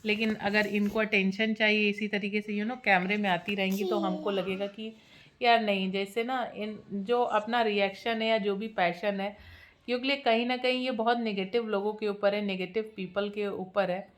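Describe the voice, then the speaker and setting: A woman's voice: medium pitch, steady tone, moderate pace, a little hiss or hum. A woman, running a teasing, sarcastic gossip commentary as a reaction vlogger.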